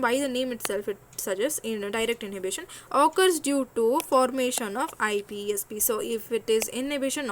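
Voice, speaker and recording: High-voiced woman, halting lecture. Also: a little hiss or hum. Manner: hesitant, many fillers and self-corrections. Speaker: physiology lecturer. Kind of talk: explanatory lecture.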